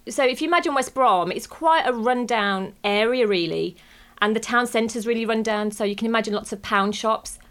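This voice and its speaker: A woman's voice: mid-range voice, fairly bright tone. A young woman from Bromwich, chatting in an interview and peppering her answers with "like". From West Bromwich, England. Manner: chatty, frequent "like" fillers.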